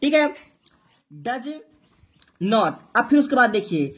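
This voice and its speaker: Speaking slowly in a husky, slightly high and very animated voice, a woman leads a Hindi-to-English translation lesson. She walks through each step, poses questions and answers them herself, and spells words out letter by letter.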